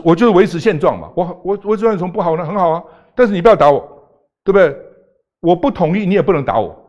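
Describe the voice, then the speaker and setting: A man's voice: on the high side, a little mellow. An older man, a talk show guest arguing emphatically and firing off rhetorical questions. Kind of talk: political talk show debate.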